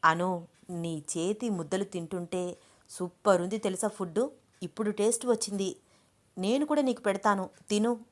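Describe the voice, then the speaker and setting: A woman's voice: mid-range voice, normal speed, natural voice. A woman voicing a teasing young husband. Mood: coaxing. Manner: teasing, affectionate.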